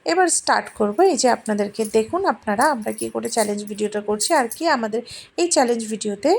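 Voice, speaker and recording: A woman with a fairly high voice gives casual vlog commentary on an eating contest. She talks straight to her viewers as friends. Her phrases are short and urgent, often repeated. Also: quick pace, creaky, slight background noise. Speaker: host of an eating challenge video.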